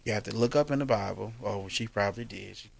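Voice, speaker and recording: A man talking as a guest in a casual interview, laid back and calm as he tells his stories. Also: fairly low pitch, fast, gravelly. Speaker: basketball coach, podcast guest.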